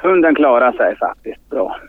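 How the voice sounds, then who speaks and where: A man leading a hunt, talking haltingly in a news interview and repeating his words as he searches for them. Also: medium pitch, big pitch swings, no echo. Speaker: hunt leader interviewed by phone. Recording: tinny dry phone line.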